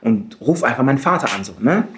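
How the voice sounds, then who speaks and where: A man speaks as a podcast guest, recounting a story in a loose, animated way. His pitch sits in a middle range for a man. He keeps checking in with quick tag questions and fillers as he goes. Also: slight background noise. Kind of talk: casual storytelling conversation.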